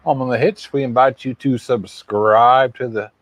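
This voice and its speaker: A man's voice: medium pitch, fairly even intonation, normal speed, no room sound, highs cut off. Easygoing man chatting on a live stream. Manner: easygoing and rambling, with many fillers. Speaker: co-host of an RV travel channel. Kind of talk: casual live-stream chat. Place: outdoors on a home front porch.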